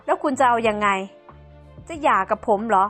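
A blunt middle-aged husband in a home-made game drama, talking down to his wife in a cold, belittling tone, with a woman playing him. The voice stays fairly high. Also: moderate pace, a bit bright, faint music behind. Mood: scornful.

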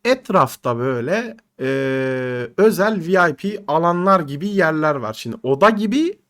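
A young man in his twenties from Turkey, telling a personal anecdote in an animated, slangy way with swearing. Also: on the high side, normal speed. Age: 20s. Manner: animated, slangy, swearing, addresses listeners as guys. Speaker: podcast storyteller. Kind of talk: casual anecdote storytelling.

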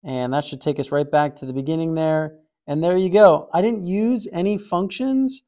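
In a casual screen-recorded coding tutorial, a male host talks through a puzzle, thinking aloud in a relaxed way with frequent fillers and restarts. His voice is fairly high at normal speed.

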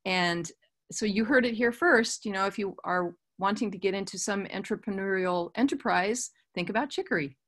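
A woman's voice: medium pitch, moderate pace, a bit bright. A middle-aged woman presenting a gardening webinar over a video call, explaining in a friendly way with casual asides. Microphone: webcam on a video call.

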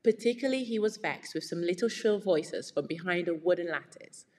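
A woman reads a children's story aloud and stops to explain new words patiently, step by step. Her voice is fairly low for a woman. A long reverb hangs after her words. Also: expressive, a little fast, darkish tone. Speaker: English teacher.

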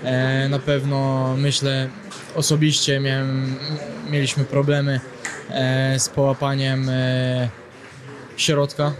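Young male player, monotone, halting, noisy background. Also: medium pitch. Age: young adult. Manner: hesitant, many fillers. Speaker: footballer. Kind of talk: post-match interview. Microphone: handheld broadcast mic.

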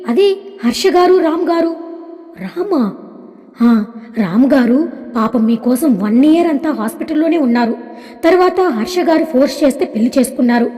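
A woman voicing a calm male doctor who explains things in a matter-of-fact way, in a storybook reading. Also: extremely high pitch, moderate pace, long pauses, soft background music. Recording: long hall reverb.

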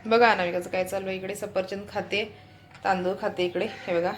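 A woman's voice: mid-range voice, level tone, brisk, slight background noise. A woman chatting casually to her viewers in a home vlog, filming around her house and calling out coaxingly now and then. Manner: chatty, talks straight to viewers; coaxing calls in a raised voice. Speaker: family vlogger. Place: home kitchen and hall.

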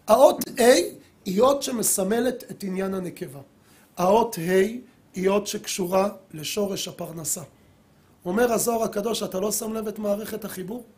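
A middle-aged man, a rabbi, giving a sermon and telling a story, acting out the quoted dialogue with lively voices. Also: sits high. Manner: animated storyteller who acts out quoted dialogue.

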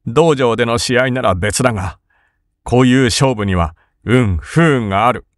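A man's voice: mid-range voice, normal speed, no echo, studio quality, pitched above the performer's own voice, natural voice. A man voicing a timid samurai older brother who is frightened but determined, speaking in a trembling, urgent voice. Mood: urgent resolve.

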